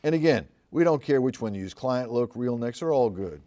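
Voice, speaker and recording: A man's voice: medium pitch, expressive, a little fast, warm tone. An older man teaching commercial real estate agents at a live seminar, telling folksy stories and asking the room questions. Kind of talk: live seminar talk to an audience.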